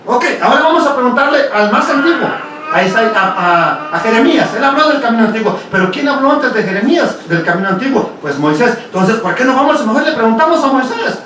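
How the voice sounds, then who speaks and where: A high-pitched man teaches a Bible study to his congregation in a relaxed, questioning way. His voice rings through a very echoey hall. It is picked up from well away from the mic, with a faint hiss behind it. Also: quick pace, distant mic. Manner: conversational, asks rhetorical questions, tags "ok?".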